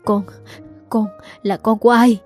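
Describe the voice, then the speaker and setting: A woman's voice: a little high, level tone, measured pace, faint music behind. A woman voicing a stern, shaken old mother near sixty who demands answers from her daughter. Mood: stern demanding. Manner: sharp demanding questions.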